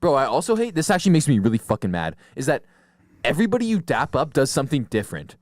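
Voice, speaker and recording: A man's voice: medium pitch, fast, dry recording, studio quality. A young man co-hosting a comedy podcast, talking casually with lots of swearing and laughter. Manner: animated, profane, laughs often. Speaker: podcast co-host.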